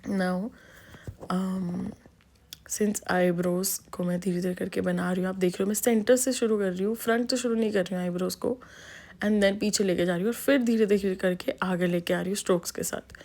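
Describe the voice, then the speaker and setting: Casting: Indian woman, makeup artist, casual tutorial voice-over, mid-pitched, chatty with filler ums. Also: fairly even intonation, normal speed, a little mellow. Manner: chatty Hindi-English mix, frequent ums and restarts.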